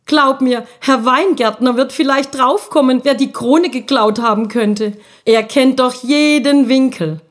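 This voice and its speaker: A high-strung little boy school ghost, voiced by a woman reading a storybook chatters eagerly in a squeaky voice that leaps about. He is small and easily excited. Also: a little slow. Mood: worried.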